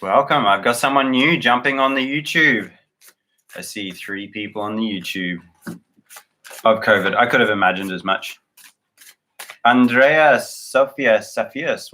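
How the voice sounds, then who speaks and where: Bright-voiced Australian man hosting a livestream. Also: on the low side, measured pace. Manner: loose and rambling, with many fillers and restarts. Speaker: livestream host. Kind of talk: live-stream chat reading viewer comments.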